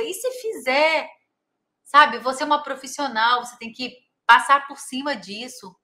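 Bright-voiced chatty woman teaching caregivers. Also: a little high. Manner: chatty, tags phrases with "né?" and "tá?". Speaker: physiotherapist and caregiver educator. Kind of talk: casual instructional talk.

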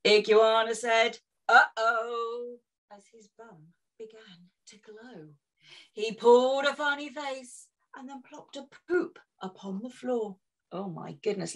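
A woman reading a picture book aloud to children, playful and full of exclamations. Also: a little high. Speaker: children's storyteller. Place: indoors, on a video session.

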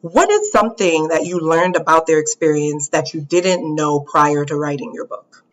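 A woman's voice: sits low, lively intonation, moderate pace, low-quality recording. Friendly woman moderator on a video call. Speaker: panel moderator. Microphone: video call webcam.

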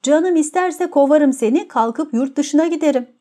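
A woman's voice: high-pitched, moderate pace, warm tone, pitched above the performer's own voice, natural voice. A woman voicing a proud, capricious young woman who mocks and scorns her suitor. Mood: scornful. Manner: mocking, scornful.

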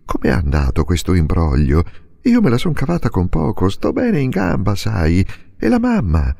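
A man's voice: on the low side, wildly swooping pitch, moderate pace, vocal fry, mellow, dry recording, clean studio sound, heavily acted. A man voicing a peasant father who talks effusively and exclaims with relief, in an audiobook reading. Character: peasant father, warm, overjoyed and bustling.

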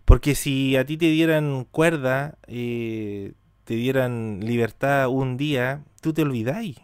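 A man leads a spiritual lesson on mysticism, putting rhetorical questions to his listeners and repeating words for emphasis. His voice sits at an ordinary pitch for a man. The recording is dry and close, with no room sound. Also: slow pace, clear, resonant tone, no echo. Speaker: teacher of Hebrew mysticism. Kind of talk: spiritual talk to an audience.

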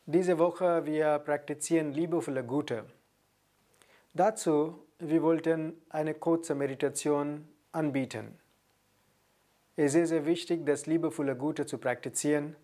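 A middle-aged man with a foreign accent in German, leading a guided meditation in a calm, gentle manner with pauses. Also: on the high side. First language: not German. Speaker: meditation teacher. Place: small furnished indoor room. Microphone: lapel mic.

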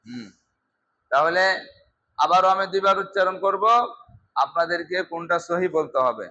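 A man's voice: high-pitched, moderate pace, bright, forceful tone, lo-fi sound. A man teaching Quran pronunciation in a mosque class, strictly drilling students call-and-response and scolding them.

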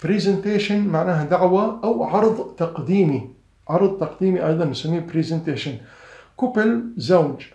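A man's voice: on the high side, a little fast, mellow, roomy sound. A man whose first language is Arabic, teaching an English grammar and vocabulary lesson. He explains terms patiently, repeats each word and corrects himself as he goes.

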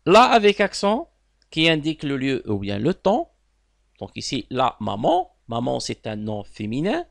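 Gravelly, lively Moroccan male teacher. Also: medium pitch, moderate pace, dry recording. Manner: explanatory, repeats words and asks students questions. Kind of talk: exam correction lesson.

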